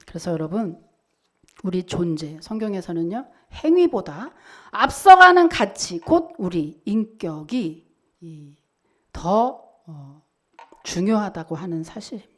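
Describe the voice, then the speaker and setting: A woman's voice: lowish voice, sing-song, unhurried. A woman pastor giving a Sunday sermon, talking to the congregation in a conversational way and asking many rhetorical questions.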